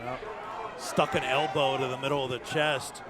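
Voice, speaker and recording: A man's voice: mid-range voice, little pitch movement, normal speed. A man doing play-by-play commentary at a live fight event, speaking as a sports broadcaster. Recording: crowd and music behind.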